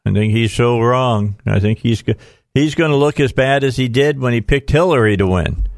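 A man's voice: mid-range voice, moderate pace, dry recording. Folksy male talk radio host, dry studio sound. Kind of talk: conversational political talk radio. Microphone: close studio microphone.

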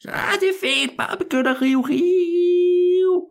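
A man's voice: on the high side, very animated, creaky, voice pushed up. A man doing a sly, cackling old man. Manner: cackling, teasing. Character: sly, sinister old man with hedge clippers.

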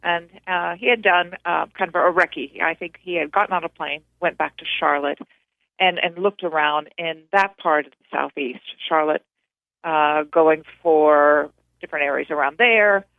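A woman's voice: low voice, normal speed, dry recording. Woman talking over a tinny phone line. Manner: talkative, with frequent restarts and fillers. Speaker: film producer, interview guest. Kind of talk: casual interview recollection.

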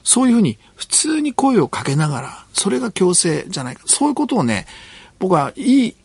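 Older man, radio host, gravelly husky voice, lively swooping pitch, fast emphatic delivery, dry studio sound. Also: dry recording. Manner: emphatic, talks in bursts with many tag particles. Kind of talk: radio talk commentary.

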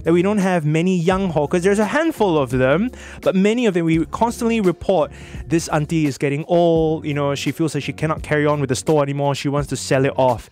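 A man's voice: a little high, brisk, a little mellow. A man with a Singaporean accent hosting a show, interviewing guests with casual banter. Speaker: show host.

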